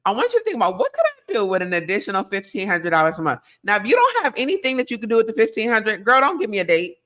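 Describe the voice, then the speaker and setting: A woman's voice: medium pitch, wildly swooping pitch, quick pace, fairly bright tone. A woman speaking as a guest business coach in a casual interview, direct and pushy, with casual slang.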